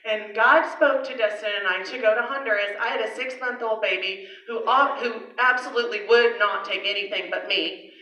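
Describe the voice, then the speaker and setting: A woman's voice: fairly high pitch, fairly even intonation, normal speed, bright, forceful tone, slight background noise. A woman pastor telling a personal story in a sermon at a women's conference, chatty and often laughing. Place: conference hall. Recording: echoey hall mic from far off.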